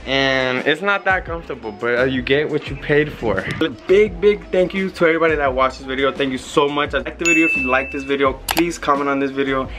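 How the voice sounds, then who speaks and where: A man's voice: mid-range voice, brisk, hardly any pauses, music in the background. A young man giving a casual, rambling product review while working out on an outdoor covered patio, filming with a handheld camera held close. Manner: laid-back, rambling, chatty. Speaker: vlogger.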